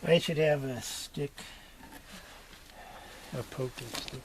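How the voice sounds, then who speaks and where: An older man giving a casual do-it-yourself demonstration inside a small greenhouse, talking in an unhurried, folksy way full of fillers. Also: a little high. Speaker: homesteader showing his build. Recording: noisy camera audio.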